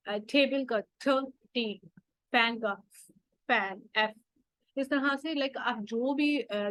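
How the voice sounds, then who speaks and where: A woman with a fairly high voice leads a homeschooling workshop, explaining each step patiently to other parents. She moves easily between Hindi and English phrases as she teaches. The sound is dry and close, with no room echo. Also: a bit bright. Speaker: homeschooling workshop host and mother. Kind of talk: instructional workshop talk.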